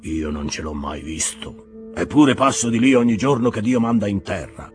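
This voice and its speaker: A man voicing a stern, pious old whaling captain with a deep, sepulchral voice and a slow, severe delivery. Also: expressive, faint music behind, close to an everyday voice.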